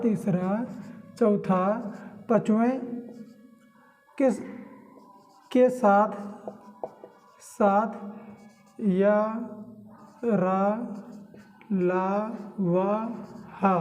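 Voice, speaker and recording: A woman's voice: a little high, darkish tone. Woman teacher sounding out Hindi syllables. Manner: repetitive, sounds out syllables slowly to demonstrate. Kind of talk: classroom-style lesson explaining consonants.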